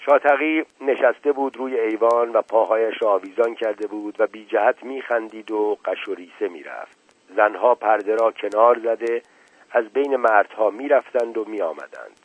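A man narrating a story in a steady, measured reading. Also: fairly low pitch, breathy edge, dry recording. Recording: tinny phone-like dry recording.

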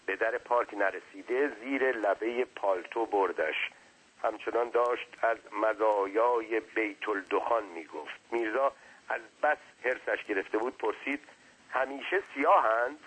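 A man reading a story aloud as narrator, in measured, plain narration. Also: lowish voice, fairly bright tone, husky, rough recording.

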